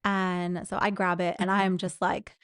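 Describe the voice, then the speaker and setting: A woman telling a story in a casual chat, her voice smooth and resonant. She is animated and breaks into high-pitched impressions of the people she describes. The sound is dry and close. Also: moderate pace, dry recording. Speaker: guest, former clinic employee.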